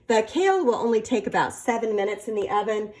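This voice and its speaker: A woman hosting a casual cooking demonstration, talking in a halting way with many fillers and playful, flirty asides. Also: a little high, animated, darkish tone. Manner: halting, filler-heavy delivery. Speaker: cooking video host.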